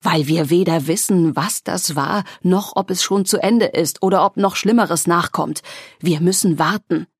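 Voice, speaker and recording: Woman narrator doing a rough guy yelling warnings, gravelly and husky. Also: on the low side, measured pace, no echo, clean studio sound. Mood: urgent shouting. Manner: loud, urgent bellowing. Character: gruff man shouting orders amid chaos.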